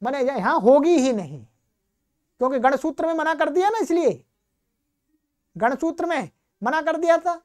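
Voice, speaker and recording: A woman's voice: high voice, lively intonation, moderate pace, pauses often, darkish tone. A woman teaching Sanskrit grammar in a recorded lecture, explaining patiently and often asking a question before she answers it herself.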